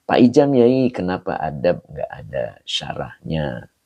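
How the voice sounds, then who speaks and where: A man teaching an Islamic text in a livestream lesson. He explains Arabic words slowly and greets viewers by name from the comments, sounding slightly hoarse and clearing his throat now and then. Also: rumbling low, very animated, a little mellow, highs cut off.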